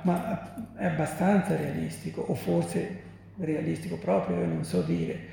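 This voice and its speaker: A man preaching a sermon, full of rhetorical questions and lively emphasis. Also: a little high, measured pace, vocal fry. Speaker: priest. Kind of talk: sermon on the Passion. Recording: echoey hall, heard from a distance.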